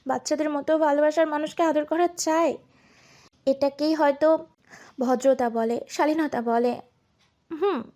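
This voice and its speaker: An actress playing a shy young woman, soft and stammering in a Bengali audio drama. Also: sits high, lightly acted. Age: young adult. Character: shy young woman Rupa, guilty and tearful.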